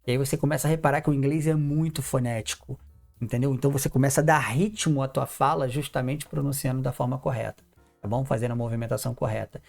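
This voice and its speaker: Brazilian male teacher, gravelly voice, lively and emphatic, faint music bed. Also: mid-range voice, quick pace. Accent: Brazilian Portuguese. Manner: lively, emphatic, repeats key words, rhetorical questions. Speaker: English teacher. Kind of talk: casual video lesson.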